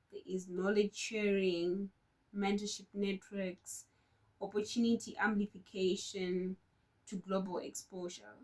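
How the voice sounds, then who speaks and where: A woman giving a prepared conference talk about her work in tech, in an earnest, measured way. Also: mid-range voice, a little mellow, far from the mic, low-quality recording. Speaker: conference speaker.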